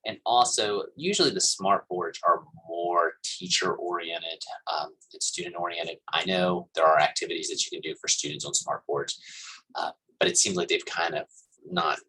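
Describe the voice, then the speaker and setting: A man's voice: low-pitched, normal speed, sharp tone, a little hiss or hum, low-quality recording. A man teaching a college class, explaining an assignment in a casual, rambling way with plenty of fillers. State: coughing and hiccuping. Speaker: college instructor. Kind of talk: recorded class lecture.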